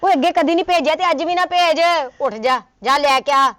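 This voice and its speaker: Punjabi woman, high pitch, sharp scolding wife in a comedy skit. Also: a little fast, dry recording. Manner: scolding, sharp-tongued, nagging. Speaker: comic actor as a scolding wife. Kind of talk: Punjabi comedy sketch acting.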